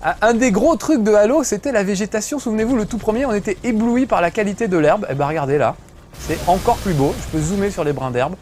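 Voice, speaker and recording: A man's voice: high-pitched, lively intonation, fast, darkish tone, a little hiss or hum. A middle-aged man giving joking, chatty commentary while playing a video game, swearing casually. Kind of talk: gameplay commentary.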